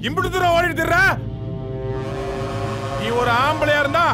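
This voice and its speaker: An actor playing a furious man who shouts taunts in a fight scene, with music behind him. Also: very high voice, normal speed. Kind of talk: film drama acting. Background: loud film score.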